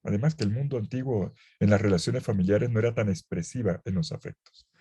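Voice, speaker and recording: A man, a priest giving a lively Bible lecture, full of playful, ironic asides. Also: lowish voice, fairly quick, slight background noise. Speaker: priest teaching a Bible course.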